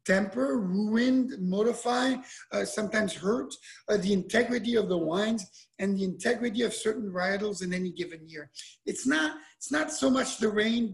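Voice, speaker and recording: A man in his forties who grew up in Switzerland, a winemaker talking casually over a webcam, animated and given to repeating words. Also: high-pitched. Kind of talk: casual talk over video call. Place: indoor room with wine bottles and shelves. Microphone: webcam at close range.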